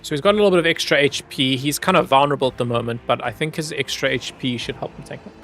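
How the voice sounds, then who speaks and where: A Zimbabwean man streams a game, chatting easily with his viewers and laughing often as he plays. His voice is medium-pitched, quick and fairly bright, with faint music in the background. It's casual gameplay commentary, easygoing and talkative, aimed at his chat.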